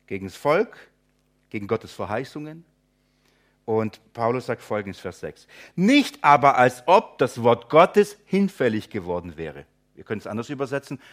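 A man preaching, teaching a Bible passage verse by verse, asking his listeners rhetorical questions and calling them friends. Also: medium pitch. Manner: acts out imagined objectors in quick asides. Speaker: pastor.

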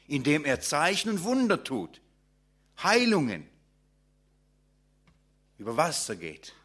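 A man preaching a sermon, expounding scripture, asking the congregation questions and drawing out key words slowly for emphasis. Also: medium pitch, a bit bright.

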